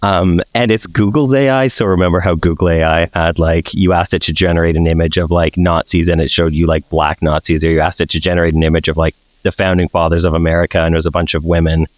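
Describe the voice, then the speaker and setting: A man co-hosting a podcast, talking in a relaxed, blunt way with lots of fillers. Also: low voice, fast talker, few pauses, dry recording. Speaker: podcast co-host. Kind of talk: casual chat.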